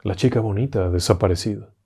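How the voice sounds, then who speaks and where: A man telling a ghost story aloud in a lively, conversational way, acting out the characters' lines. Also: lowish voice, fast, husky. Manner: animated, acts out the dialogue with filler phrases. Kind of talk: spoken ghost story narration.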